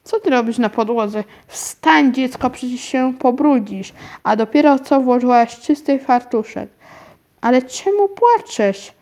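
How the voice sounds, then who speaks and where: A woman's voice: high voice, lively intonation, unhurried, a little mellow. Woman reading as a fussy, flustered old aunt. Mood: fussing. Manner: flustered, questioning. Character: fussy, bewildered elderly aunt. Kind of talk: storybook reading.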